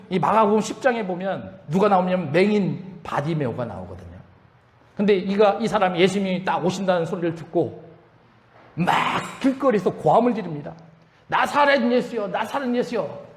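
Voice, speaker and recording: A man preaching a sermon as pastor, often asking the congregation questions and raising his voice when quoting. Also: high voice. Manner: asks the congregation questions, rising to shouts in quotes. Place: church sanctuary. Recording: echoey church hall reverb.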